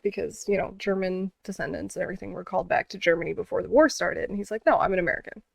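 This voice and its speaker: A woman's voice: on the low side, fairly even intonation, fast, creaky, a little mellow, dry recording. A woman vlogger telling a story in a casual, earnest way, with many fillers and restarts.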